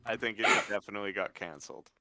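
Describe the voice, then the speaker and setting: A man's voice: on the low side, very fast, background noise. A man chatting as a player in a tabletop game, hesitant with frequent fillers. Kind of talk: casual game chat.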